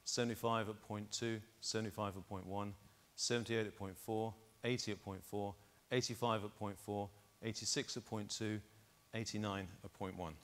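A man's voice: on the low side, fairly even intonation, normal speed, fairly bright tone. A middle-aged man on a conference stage, talking into a lapel mic and walking the audience through test data step by step. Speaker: keynote speaker. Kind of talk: conference keynote presentation.

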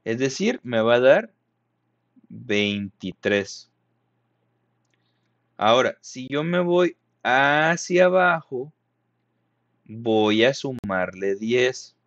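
A man's voice: mid-range voice, lively intonation, very slow, long pauses, a bit bright, no room sound, highs cut off. A male teacher, patiently explaining a math lesson to young pupils, often checking if they follow. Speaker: primary school teacher. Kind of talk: recorded math lesson for children.

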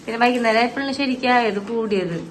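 A woman's voice: fairly high pitch, fast talker, a little hiss or hum, rough recording. A woman in casual family conversation.

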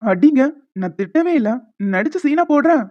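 A woman's voice: sits high, sing-song, normal speed, muffled recording. A woman voicing a teasing young fiancé in a cartoon. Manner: playful, coaxing, reassuring. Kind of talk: animated cartoon dialogue.

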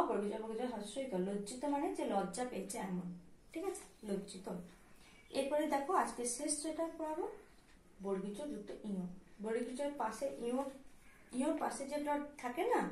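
A woman teaching a primary school class in Bengali, with a West Bengal accent. She talks slowly and patiently, spelling each word out letter by letter and often asking the children if they follow. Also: a little high, animated, darkish tone, a little hiss or hum. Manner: slow, patient, spelling words out letter by letter and often checking "all right?". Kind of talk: recorded class lesson. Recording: echoey room, voice from a distance.

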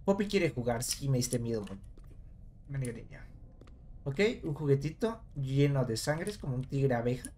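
A man's voice: medium pitch, expressive, moderate pace, warm tone, slight background noise. A man, casually commenting on a game as he plays, talking to his viewers and thinking aloud. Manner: casual, talks to viewers while puzzling aloud. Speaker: gameplay commentator. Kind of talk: let's play commentary.

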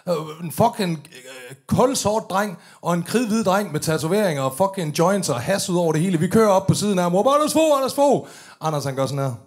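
A Danish man with an Aalborg accent telling comic stories live on stage, swearing freely and bursting into loud, acted-out quotes. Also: sits high, hardly any pauses. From Denmark. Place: large tent venue, live audience.

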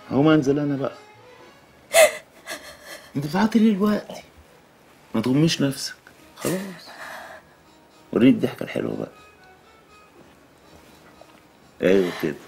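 An egyptian husband, jokey and coaxing, talks fast with a lively swinging voice, music under it. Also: male voice, fairly high pitch. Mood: soothing. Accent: Egyptian Arabic. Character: working-class Egyptian husband, teasing, sweet-talking his wife. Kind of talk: TV drama acting.

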